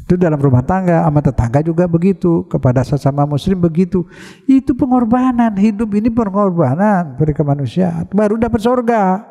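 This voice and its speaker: An older man preaches in a mosque, casual in tone and quizzing his listeners. His voice sits high, with a mellow, dark color and a gravelly edge. A long reverb from the hall trails every phrase. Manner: colloquial, asks the congregation questions. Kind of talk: mosque sermon.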